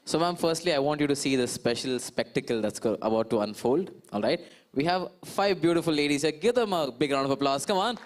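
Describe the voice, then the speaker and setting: A man with an Indian accent working as an energetic event host, coaxing a live audience. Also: fairly high pitch, brisk, few pauses, some chatter behind. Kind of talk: live crowd hyping. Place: conference stage with audience.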